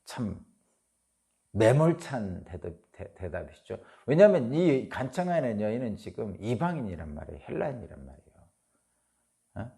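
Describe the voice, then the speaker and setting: Male pastor, dawn sermon; lively delivery with a gravelly edge, chatty, acts out quotes. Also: on the low side, moderate pace. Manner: conversational, retells the scene by acting out quotes; many hesitant fillers and restarts.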